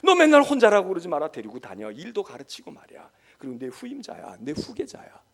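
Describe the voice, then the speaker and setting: A blunt, commanding divine voice, as a male preacher puts it on gives orders to a tired prophet in a sermon. The voice sits high and swings widely, with a gravelly edge. The commands are plain and colloquial. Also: wildly swooping pitch, fairly quick, full character voice. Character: God commanding a weary prophet, blunt and forceful.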